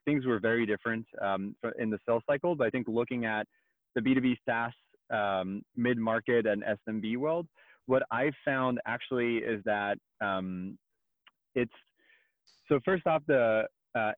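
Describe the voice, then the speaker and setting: A man's voice: mid-range voice, normal speed, no room sound. French-accented man on a tinny line. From France. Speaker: guest, startup co-founder. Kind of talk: podcast interview. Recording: tinny phone-like remote line.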